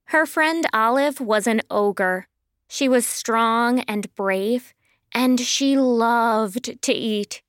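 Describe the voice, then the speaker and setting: A woman narrating a children's audiobook in a slow, sing-song storytelling manner, recorded close to a studio mic. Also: fairly high pitch, fairly bright tone, clear, resonant tone, no echo.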